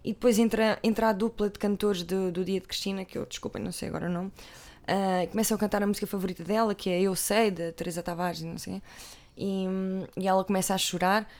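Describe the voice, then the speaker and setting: A woman with a European Portuguese accent talks casually to her viewers, mid-pitched and easygoing. She rambles, doubles back on her words and drops little asides as she goes. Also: steady tone, fast talker, a little mellow. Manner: chatty, rambling, self-interrupting with asides. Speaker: vlogger. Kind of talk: casual chat about TV.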